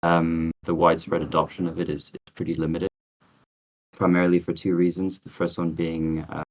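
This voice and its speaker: A man pitching a project over a video call, talking hesitantly with many fillers while his audio cuts out and his volume keeps jumping up and down. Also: completely flat delivery, normal speed, low-quality recording. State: audio cutting out, volume rising and dropping. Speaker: startup founder pitching a project.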